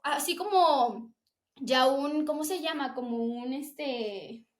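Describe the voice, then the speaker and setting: A young woman tells her personal story of faith with fervent, emotional earnestness. Her voice sits high. The room around her is echoey. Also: slow pace. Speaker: guest sharing testimony.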